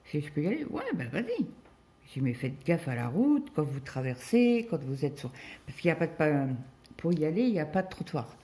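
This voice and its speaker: Chatty middle-aged woman, mellow voice. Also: low voice, big pitch swings, brisk. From France. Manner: chatty storytelling, many fillers and quoted dialogue. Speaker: crafting vlogger. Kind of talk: casual chat while cross-stitching.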